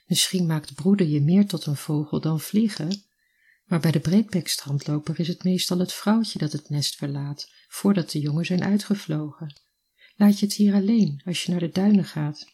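Reader doing a blunt village man, bird lover, plain matter-of-fact manner, husky breathy tone, middling pitch. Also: moderate pace, a little mellow. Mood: pondering.

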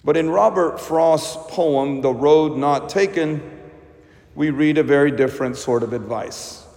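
Slow-speaking priest in a cathedral echo. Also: male voice, on the high side, darkish tone. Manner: deliberate, measured preaching with pauses. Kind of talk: Gospel reading and homily. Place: large reverberant church. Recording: echoing church, long cathedral-like reverb.

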